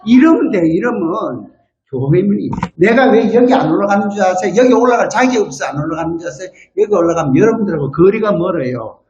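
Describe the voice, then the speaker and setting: Older man preaching lively in a church. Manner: lively, acts out quotes with big pitch swings. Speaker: guest elder preaching at a revival. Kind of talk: sermon. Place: church sanctuary floor, not the pulpit. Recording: roomy, dull lo-fi church recording.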